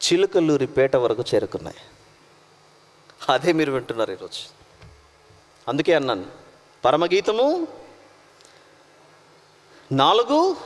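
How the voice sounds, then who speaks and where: A man preaching a sermon from India, emphatic, swinging between loud proclamation and quiet asides, mixing English words in. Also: medium pitch. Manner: mixes English words into his talk. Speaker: pastor. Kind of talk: sermon with live slide directions. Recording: long hall reverb.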